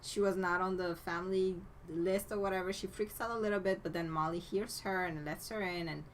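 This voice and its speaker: A woman's voice: lowish voice, steady tone, a little fast, a little hiss or hum. A woman co-hosting a podcast, casually retelling a movie plot and chaining events with "and then.". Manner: chatty storytelling, strings clauses with "and then". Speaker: podcast co-host. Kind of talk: casual movie recap chat.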